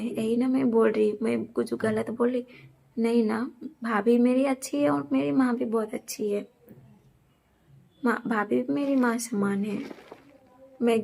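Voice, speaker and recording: A young woman speaks straight to her viewers in a casual vlog. Her voice sits a bit high and gravelly, with a flat, even melody as she earnestly and defensively repeats her points. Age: young adult. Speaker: vlogger. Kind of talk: casual talk to camera.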